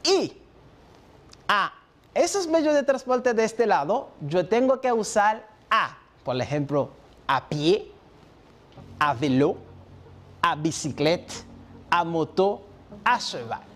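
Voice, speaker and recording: Male French teacher, broadcast lesson, unhurried delivery, lively sing-song intonation, encouraging. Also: high voice. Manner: drills vocabulary, switching between French and Spanish; encouraging, praises answers. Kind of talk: televised classroom lesson.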